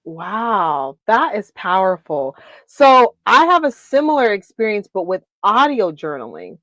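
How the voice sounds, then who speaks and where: Female talk show host, conversational and affirming, mid-pitched, recorded dry. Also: big pitch swings, unhurried, a bit bright, dry recording. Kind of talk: casual chat.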